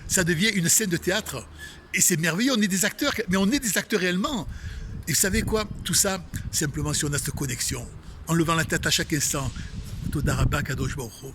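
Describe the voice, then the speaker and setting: A man's voice: on the high side, animated, fairly quick. Man, Marseille accent, inspirational outdoor sermon, emphatic, repeats himself, talks to the listener; noisy open-air recording. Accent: Marseille French. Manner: emphatic, repetitive, addresses listeners directly. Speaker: spiritual speaker. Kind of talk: inspirational religious talk. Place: outdoors facing a tree.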